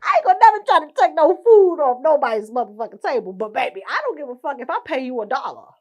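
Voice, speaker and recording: A woman's voice: high-pitched, very animated, fast talker, a little mellow. A young woman hosting her own podcast, ranting indignantly and swearing constantly. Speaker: podcast host. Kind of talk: profane ranting monologue.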